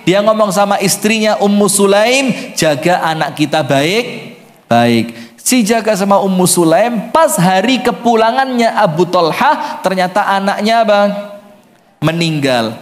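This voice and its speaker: Preacher telling a story. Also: male voice, high-pitched. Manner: storytelling, asks the crowd questions. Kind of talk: sermon. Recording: long hall reverb.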